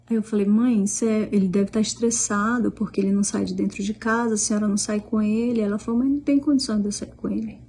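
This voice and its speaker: In a medium-pitched, husky voice with a darkish tone, a middle-aged Brazilian woman with a Brazilian Portuguese accent casually relates a conversation. She is a vlogger and mother, and her storytelling is full of restarts and quoted speech.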